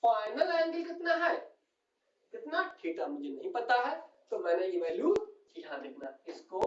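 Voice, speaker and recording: A male physics teacher explaining on a whiteboard, who keeps calling his students "beta" and asks and answers his own questions. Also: sits high. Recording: distant, roomy and dull classroom recording.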